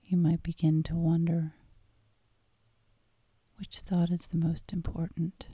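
A woman guiding a hypnosis meditation in a calm, soothing tone, soft and breathy, often close to a whisper. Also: lowish voice, slow pace, dry recording. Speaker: hypnosis guide.

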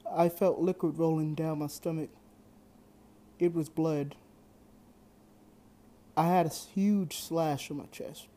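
A young amateur narrator reading a first-person adventure story in a plain, halting read-aloud delivery. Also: medium pitch, fairly even intonation, dark tone.

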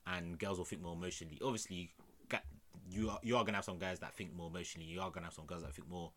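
A man's voice: low-pitched, fairly even intonation, racing, a bit bright. A young man with a London roadman accent, chatting casually in heavy street slang with repeated conversational tags. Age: young adult.

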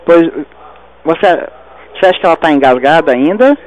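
A man works an emergency phone line as a doctor. His voice sits fairly high, and he speaks steadily, giving directive step-by-step instructions and repeating them slowly. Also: animated, darkish tone.

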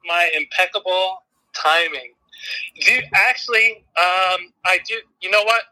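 A man's voice: high voice, measured pace, bright, forceful tone, low-quality recording. A man calling in over a phone on speakerphone, chatting casually and telling a rambling story with frequent laughs. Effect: heard over a phone on speakerphone. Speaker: caller, friend of the hosts. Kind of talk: casual chat.

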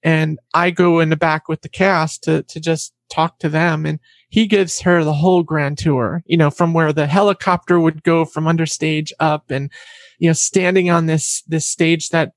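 A woman guest telling a personal story in an interview, animated and acting out what other people said. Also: deep voice, normal speed, no room sound.

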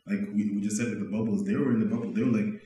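Low-voiced young man in an echoey room. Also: fairly even intonation, rapid-fire, mellow, soft background music. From Zambia. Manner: laid-back, slangy, laughs often. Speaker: guest, rapper. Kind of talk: casual conversation.

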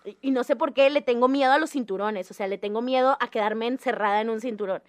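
A young woman with a high voice tells a personal story in casual chat. She talks in an animated, theatrical way and acts out the voices of the people in her story. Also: quick pace. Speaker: guest telling a personal story.

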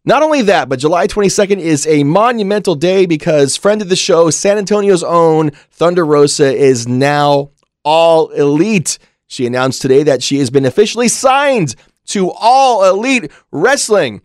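A man chats casually as a podcast co-host. His voice is fairly high, he leans on words and repeats phrases for emphasis, and the recording is dry and close. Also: expressive, normal speed, no echo. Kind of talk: casual wrestling banter.

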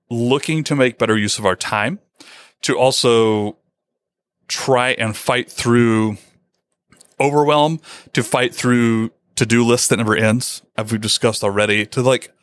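A man's voice: medium pitch, fairly bright tone, no room sound. A man co-hosting a podcast in a casual chat, telling a candid personal story with self-deprecating humor. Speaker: podcast co-host.

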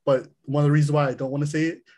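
A man with a slightly high voice hosts a loose group chat, rambling and giggling through his words. He keeps breaking into laughter and rarely finishes a thought cleanly. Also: little pitch movement, rapid-fire, a little mellow. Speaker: podcast host. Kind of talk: casual chat.

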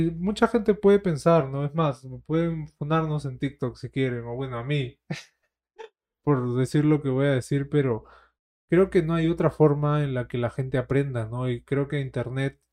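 Mellow-voiced man, blunt and slangy. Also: medium pitch, fairly even intonation, unhurried. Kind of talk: casual chat.

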